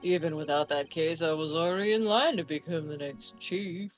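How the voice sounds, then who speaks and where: A woman's voice: low-pitched, normal speed, soft background music, close to an everyday voice. A woman voicing a smug, jovial middle-aged male police chief in a fan game playthrough, drawing out her lines in a teasing way.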